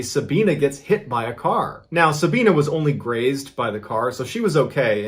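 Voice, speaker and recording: Man, casual true-story narration, conversational, suspenseful, mid-pitched voice. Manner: conversational, building suspense with sudden emphatic lifts. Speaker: storyteller host.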